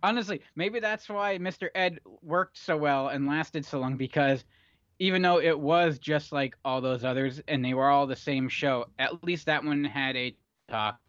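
A man's voice: a little high, normal speed, a bit bright, no echo. Dry, slightly muffled male podcast co-host. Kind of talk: casual chat. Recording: slightly dull remote-call audio.

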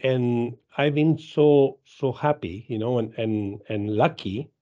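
An Argentine man in his fifties, a dairy genetics business director, answers interview questions as a guest in halting English with an Argentine Spanish accent, repeating himself, saying "uh" often and laughing easily. His mid-range voice is steady and mellow, and the audio is dull.

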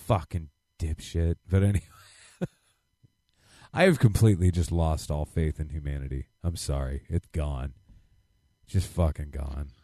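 A man's voice: extremely low pitch, unhurried, pauses often, mellow, dry recording, studio quality. A man in his late thirties, co-hosting a podcast in casual chat, reacting with blunt, profane exclamations. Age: 30s. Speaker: podcast co-host.

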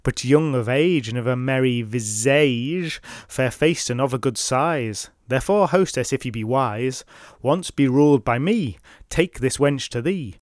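A man's voice: medium pitch, measured pace, no echo, clean studio sound, natural voice. A man voicing a tipsy, capering doctor who recites clumsy rhyming verse in a sing-song way. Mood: gleeful.

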